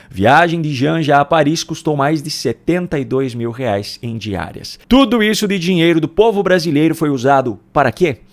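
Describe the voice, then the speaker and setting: Casting: male Brazilian political video host, fairly high voice, deliberate and emphatic scripted delivery.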